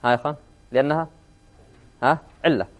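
A man's voice: medium pitch, fairly even intonation, fast. A man teaching an Arabic grammar lesson in class, often quizzing his students and repeating key words.

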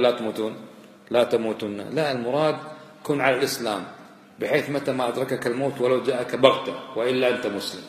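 A man preaching a sermon, admonishing his listeners with rhetorical questions and repeated warnings. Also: fairly high pitch. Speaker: Islamic preacher. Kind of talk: sermon lecture. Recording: echoey hall, long reverb.

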